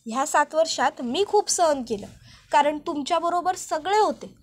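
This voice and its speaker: Drunk stubborn young wife, a lady putting her on, high loud slurry ranting. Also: moderate pace, close to an everyday voice. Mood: shouting defiant.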